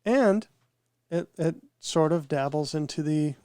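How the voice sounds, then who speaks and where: A man's voice: a little high, measured pace, warm tone, dry recording, clean studio sound. A man co-hosting a podcast, talking casually and rambling, his voice nasal from a cold. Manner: rambling, repeats words as he thinks. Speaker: podcast co-host. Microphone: podcast microphone with headphones.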